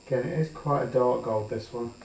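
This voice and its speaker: A man's voice: medium pitch, fairly quick, creaky, slight background noise. Man talking resin pours, echoey room. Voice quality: plain even voice he calls monotone. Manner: chatty, hesitant with frequent ums, changes his mind aloud. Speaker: resin artist demonstrating a pour. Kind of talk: casual tutorial talk while working. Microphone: built-in camera mic, his usual mic out of action. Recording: echoey room, voice picked up from a distance.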